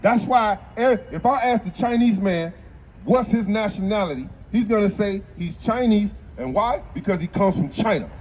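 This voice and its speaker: A man preaching on a city street, forceful and argumentative as he quotes scripture. His voice sits high for a man, with faint noise behind him. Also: animated, normal speed. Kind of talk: street preaching and Bible teaching.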